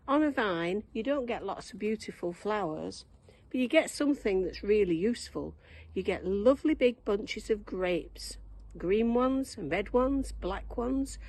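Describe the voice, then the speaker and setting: A woman giving a gentle, homely children's church talk outdoors in her garden, showing things as she goes. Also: mid-range voice. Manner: gentle, homely, show-and-tell.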